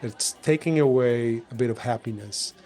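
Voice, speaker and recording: A man hosting a podcast in casual conversation, talking in loose, restarting sentences with animated bursts. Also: mid-range voice, normal speed. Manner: rambling, many restarts, animated. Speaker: podcast host.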